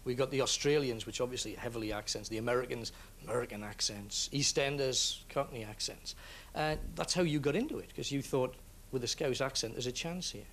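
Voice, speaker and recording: A man hosting a lively TV chat show in a studio, teasing and joking with his guests. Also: medium pitch, brisk, a little hiss or hum. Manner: jokey, teasing, playful. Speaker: TV show host. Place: TV studio with audience.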